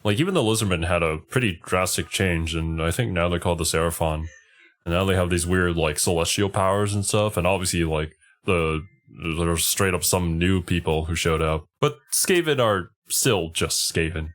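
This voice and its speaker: Casting: male streamer with a low voice, reacting casually and conversationally to a video. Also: normal speed, a bit bright. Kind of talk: casual live reaction commentary.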